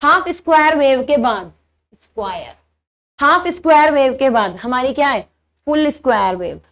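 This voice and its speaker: Young female lecturer, high-pitched, patient step-by-step explainer who poses and answers her own questions. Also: animated, moderate pace, fairly bright tone. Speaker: teacher. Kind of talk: engineering lecture.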